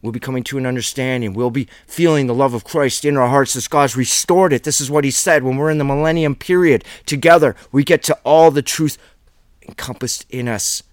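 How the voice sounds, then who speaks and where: A man's voice: medium pitch, a little fast, no echo, studio quality. A middle-aged man giving an earnest, emphatic Bible teaching by video, with a preacher's fervor.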